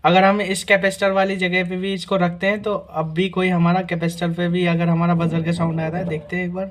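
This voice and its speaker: Man, high voice, repair tutorial host, step-by-step, chatty check-ins. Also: little pitch movement, a little fast. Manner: explains step by step, often adds "guys" and "theek hai na". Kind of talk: casual hands-on repair demonstration.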